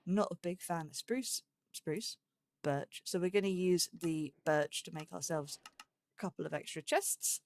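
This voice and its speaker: A gaming host gives chatty let's play commentary in a lowish, slightly mellow voice, unhurried and thinking aloud as she plays. She even talks to the animals in the game, with a little background noise behind her.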